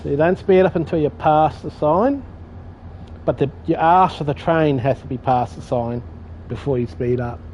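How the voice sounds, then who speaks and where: Speaking at a moderate pace in a slightly high, darkish voice, a gaming streamer chats casually while driving trains in a game. His commentary rambles and turns on himself, with some mild swearing, on dull lo-fi audio with faint game sounds.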